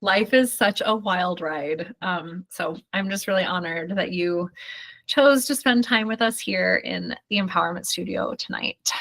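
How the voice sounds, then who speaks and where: A bright-voiced woman wraps up a live online workshop she is hosting. She talks effusively and reassuringly, addressing the viewers directly. The sound has the feel of a video call mic. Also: fairly low pitch, a little slow, vocal fry. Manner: effusive, affirming, talks straight to the audience. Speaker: workshop host and studio founder.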